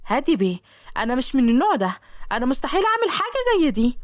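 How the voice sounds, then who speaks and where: A shy, modest young housemaid who answers softly and politely with an Egyptian accent, as a woman acts her out. Her voice is lower and quieter than the narration, and the recording is dry and close. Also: very animated, rapid-fire, no echo. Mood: timid. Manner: soft, timid and polite.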